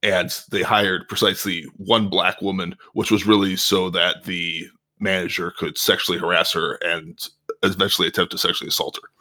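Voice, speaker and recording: A man's voice: sits low, level tone, normal speed, bright, forceful tone. A man co-hosting a casual chat, adding precise, matter-of-fact corrections and literary references. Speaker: podcast co-host. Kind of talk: casual chat discussing a TV episode.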